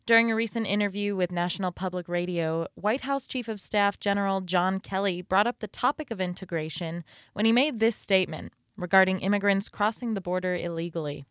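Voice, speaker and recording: Woman reporter reading a news script, smooth clear voice, dry close sound. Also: medium pitch, no echo. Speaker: radio reporter.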